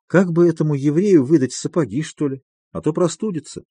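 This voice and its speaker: A man voicing a gentle, meek older male doctor who speaks softly and apologetically. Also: a little high, a little fast, breathy edge, no room sound. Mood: mild. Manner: soft-spoken, apologetic. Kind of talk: audiobook character reading.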